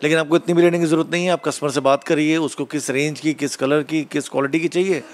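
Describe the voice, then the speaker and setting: A middle-aged man, a shop owner, answering interview questions calmly in an indoor office, speaking into a handheld mic held out by the interviewer. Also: on the high side, quick pace.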